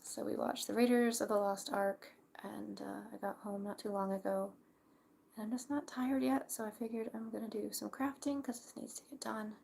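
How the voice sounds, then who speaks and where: Hushed, whispering woman with creaky voice. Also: medium pitch, steady tone, normal speed. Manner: hushed library whisper, keeping quiet for sleepers. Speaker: craft livestreamer. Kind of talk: casual live crafting chat. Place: at home late at night, crafting. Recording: faint background noise.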